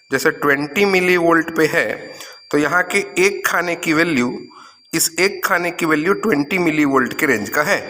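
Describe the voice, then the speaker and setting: A physics teacher with a slightly high, sharp-toned voice walks through a lab demonstration step by step, giving instructions and pointing things out as he goes. The room is echoey, and the recording is noisy with hum.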